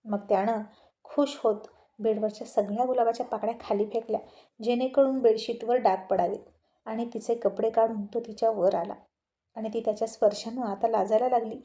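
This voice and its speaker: A woman storyteller narrating a story in a calm, measured way. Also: fairly high pitch.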